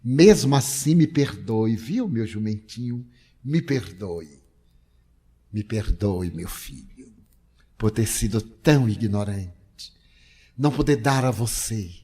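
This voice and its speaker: An older man with a Brazilian Portuguese accent voicing a humble, gentle elderly mother as he quotes her in a lecture. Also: on the low side, expressive, slow pace. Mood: pleading.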